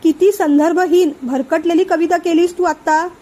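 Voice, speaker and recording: A woman's voice: extremely high pitch, steady tone, normal speed, warm tone, voice pushed up. A woman voicing a teasing, level-headed young wife who jokes with an upset friend in a storybook reading. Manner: teasing, jokey.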